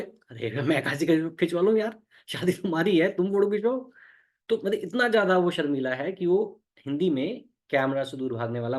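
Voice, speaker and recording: A middle-aged man teaching a spoken English lesson, explaining through everyday stories and repeating words slowly. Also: medium pitch.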